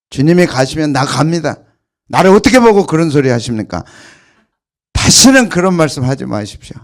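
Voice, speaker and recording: Brash male disciple, protesting loudly, acted out by a preacher, gravelly edge. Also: fairly high pitch. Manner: loud, insistent protesting. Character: brash, boastful male disciple swearing loyalty.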